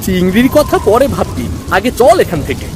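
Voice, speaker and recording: A woman's voice: mid-range voice, big pitch swings. A woman voicing a protective, reassuring elder brother, a boy in a Bengali village cartoon. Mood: urgent. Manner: brisk, reassuring, mildly bossy. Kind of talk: Bengali cartoon story voice acting. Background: music and rain.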